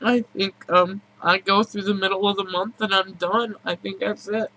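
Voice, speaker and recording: A woman's voice: mid-range voice, fairly even intonation, normal speed, pushed and bright, slight background noise, low-quality recording. A woman speaking candidly and emotionally in a personal vlog, with emphatic, repetitive, earnest phrasing. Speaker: personal video blogger.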